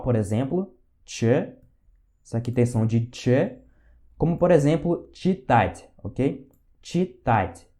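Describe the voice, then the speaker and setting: A man's voice: medium pitch, dark tone. A Brazilian man teaching an online Russian lesson, patient and reassuring, checking in often with his students. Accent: Brazilian Portuguese.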